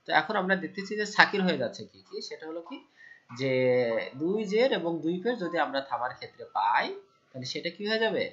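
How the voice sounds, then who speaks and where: A man teaching Quran recitation rules, asking his own questions, answering them, and reciting verses slowly and loudly. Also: on the high side, animated, muffled recording. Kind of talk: Quran tajweed lesson.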